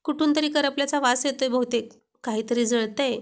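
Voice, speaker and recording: A woman's voice: sits high, brisk. A woman voicing a playful young husband who keeps teasing his wife. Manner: teasing, joking.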